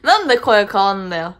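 A woman's voice: fairly high pitch, a bit bright, full character voice. A woman playing a blunt, teasing young woman who used to chase host clubs, in a comedy sketch. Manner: blunt, teasing, casual slangy talk.

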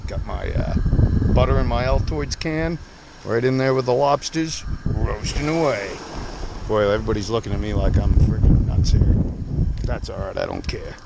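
A man, chatting slowly to the camera while cooking on a rocky seashore. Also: on the low side, gravelly. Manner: slow, relaxed, talking to the camera while cooking. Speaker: outdoor vlogger. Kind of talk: casual outdoor cooking vlog. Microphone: action camera on a tripod. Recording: loud outdoor background noise.

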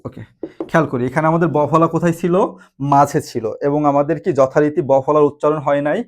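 Slow, deliberate male teacher. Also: on the high side, fairly even intonation, a little hiss or hum. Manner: slow, deliberate, repeats examples and asks rhetorical questions. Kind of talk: online grammar lesson.

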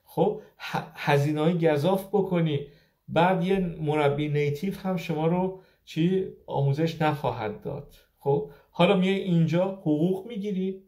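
A man in his fifties from Iran talks through his advice in a casual live-stream chat. His voice sits a little high for a man but stays mellow and warm. He leans on rhetorical questions and says his key points twice. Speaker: optometrist sharing migration advice.

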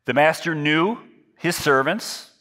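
Slow and forceful, this pastor in his fifties has a bright, slightly high voice. He preaches through a headset mic on a large church stage with a lit backdrop, in a loose, self-deprecating way with plenty of restarts.

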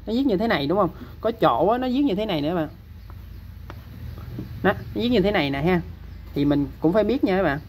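This man's voice sits high, and a little background noise is audible. Speaking with a Southern Vietnamese accent, he walks listeners through kanji one step at a time, patiently checking in as he explains.

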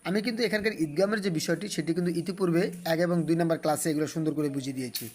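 A man teaching Quran reading. He spells each letter and vowel mark slowly, then draws out the blended syllables in a recitation tone. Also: on the high side, darkish tone.

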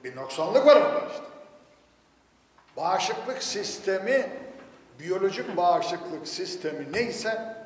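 An older man with a cold, giving an emphatic Quran commentary lecture and swinging between loud exclamations and low asides. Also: expressive, slow pace, long pauses. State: has a cold. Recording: echoey hall with long reverb, faint noise.

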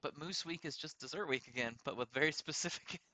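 A man's voice: a little high, a little fast, sharp tone. A man co-hosting a podcast in casual chat, joking, swearing and laughing often. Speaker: podcast co-host.

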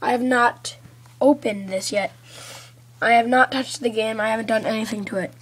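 A woman's voice: fairly high pitch, steady tone, moderate pace, slightly rough. A woman giving casual unboxing commentary for a gaming video, sniffling from a cold, on an amateur home recording. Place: carpeted room at home.

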